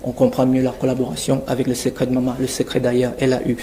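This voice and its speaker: Reading a scripted guest portrait for radio, a Cameroonian-accented male columnist uses a theatrical, declamatory style, though his medium-pitched voice is completely flat and racing. The tone is mellow, with slight background noise.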